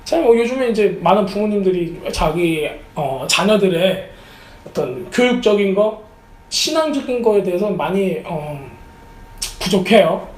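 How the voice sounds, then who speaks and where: A man preaching a sermon as pastor, animated, often acting out the lines of the people in his story. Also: sits high, a little slow, echoey room, low-quality recording. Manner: animated, acts out quotes of characters. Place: church sanctuary.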